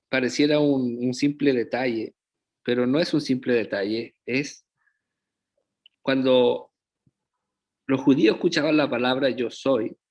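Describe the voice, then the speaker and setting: A man's voice: medium pitch, muffled recording. A man preaching a sermon as pastor, often checking in with the congregation through rhetorical questions. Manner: slow, deliberate preaching with frequent rhetorical check-ins to the congregation.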